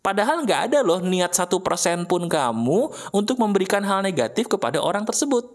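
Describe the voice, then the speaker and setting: A man's voice: high voice, brisk. Man giving a motivational talk. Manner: direct, full of rhetorical questions; addresses listeners as friends. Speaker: motivational speaker. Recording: voice-over for an animated video.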